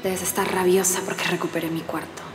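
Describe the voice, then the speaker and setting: A woman's voice: fairly low pitch, level tone, brisk, loud music behind the voice, natural voice. An actress playing a proud, worried young woman with a Peruvian accent in a telenovela. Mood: defiant. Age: 20s. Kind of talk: telenovela acting.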